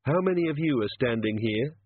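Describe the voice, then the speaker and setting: A man voicing a brisk, no-nonsense young woman with a crisp, dry manner. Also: mid-range voice, animated, no echo. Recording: tinny phone-like audio.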